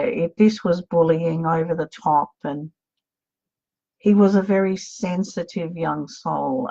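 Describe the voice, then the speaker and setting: A woman delivers a psychic reading in a slow, tender, emotional way, often calling her listener darling. Her voice sits on the low side, and the recording sounds dull and lo-fi. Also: darkish tone. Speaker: psychic medium. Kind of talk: live psychic reading to an online audience.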